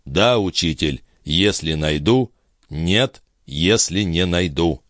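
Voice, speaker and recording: A man voicing a loyal, humble male disciple who speaks in a low, subdued, respectful tone. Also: animated, slow pace, fairly bright tone, dry recording, studio quality, heavily acted. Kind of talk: audiobook character voice.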